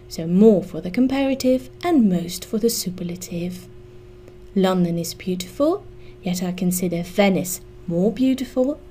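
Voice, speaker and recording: A woman giving a scripted English grammar lesson, spelling out letters slowly and carefully. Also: medium pitch, dark tone, slight background noise.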